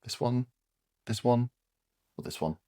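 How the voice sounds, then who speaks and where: A man guiding aphasia word-finding exercises as a speech therapist, speaking patiently and encouragingly with pauses. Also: mid-range voice, mellow, no room sound, studio quality.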